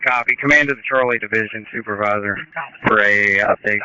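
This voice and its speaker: A man's voice: fairly low pitch, brisk, pushed and bright, clean tone, dry recording, muffled recording. A man speaking as a fire incident commander over two-way radio, in clipped procedural firefighter radio style, repeating details back to confirm. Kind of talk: fireground radio dispatch. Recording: band-limited firefighter radio transmission.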